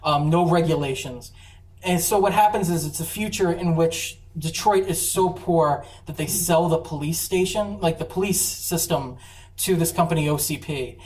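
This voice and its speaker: A convention panel presenter giving a casual, chatty talk on film, full of fillers and quick laughs. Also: mid-range voice, darkish tone. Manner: enthusiastic, chatty, laughs often, many fillers. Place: university convention room. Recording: echoey room, far mic, faint hum.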